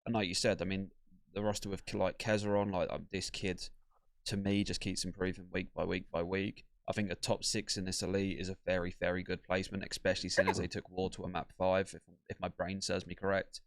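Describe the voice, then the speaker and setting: A man's voice: deep voice, little pitch movement, brisk, no room sound, studio quality. A man hosting a casual podcast, chatting loosely with rambling asides. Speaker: podcast host.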